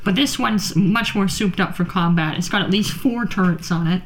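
A woman's voice: mid-range voice, moderate pace, a little hiss or hum. A woman improvising narration and answers as game master of a tabletop game.

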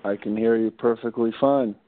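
A man's voice: medium pitch, fairly even intonation, moderate pace. A man in his twenties from Israel, calling in as a guest and talking politely and modestly with small hesitations. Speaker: caller, accountant. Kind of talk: casual phone interview. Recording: dry tinny phone line.

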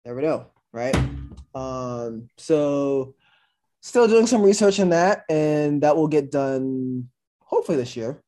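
A man's voice: a little high, lively intonation, takes it slowly, background noise. A young man co-hosting a podcast in casual chat, laid-back and rambling with lots of fillers. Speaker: podcast co-host.

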